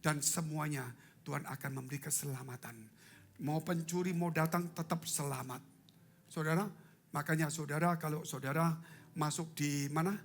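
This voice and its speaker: A male pastor preaching a live church sermon, swinging from loud cries to hushed asides and putting questions to the congregation. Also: fairly high pitch, fairly even intonation, moderate pace, gravelly. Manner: humorous, asks the congregation questions. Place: church sanctuary.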